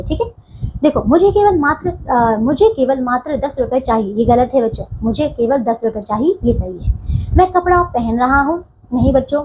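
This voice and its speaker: A woman's voice: high-pitched, dull audio, a little hiss or hum. A woman teaching a grammar lesson to children. She often says "theek hai" and sets each wrong form against the right one. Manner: addresses children warmly, repeats "theek hai", contrasts wrong and right forms.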